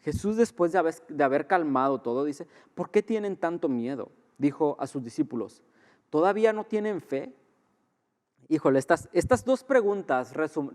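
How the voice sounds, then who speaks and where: A man preaching an earnest sermon, softening to a hush at times and rising again. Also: on the high side. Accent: Mexican Spanish. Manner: earnest, rises and drops in loudness, softens to a hush when quoting. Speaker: pastor. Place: church sanctuary. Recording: long church hall reverb.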